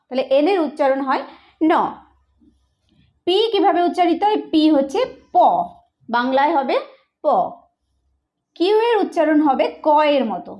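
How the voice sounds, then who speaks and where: A woman with a Bengali accent who teaches English pronunciation in an online lesson. She explains slowly and repeats each sound. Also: high voice, darkish tone. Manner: slow, repetitive explaining.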